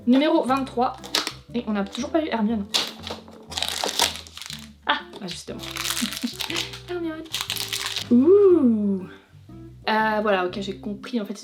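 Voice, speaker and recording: A young woman chatting casually as a vlogger, reviewing figurines in a frank, teasing way that is quick to complain. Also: mid-range voice. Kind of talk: casual chatty unboxing commentary. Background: faint background music.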